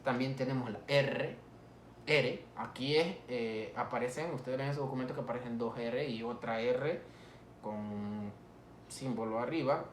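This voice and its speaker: Male language teacher, mid pitch, drills example words slowly, recorded in an echoey room. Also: a little hiss or hum. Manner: slow, repeats example words for students to copy. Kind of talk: phonetics lesson.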